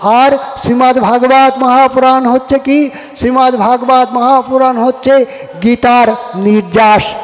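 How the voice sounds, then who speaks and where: High-voiced man preaching with long reverb. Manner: asks rhetorical questions and answers them, repeats phrases. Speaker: devotional scripture reciter. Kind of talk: devotional scripture discourse. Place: outdoor kirtan ground with PA.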